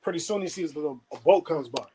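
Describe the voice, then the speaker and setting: A man hosting a motivational webinar, telling a story and often checking in with a quick "right?". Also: fairly high pitch, expressive, background noise. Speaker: webinar host.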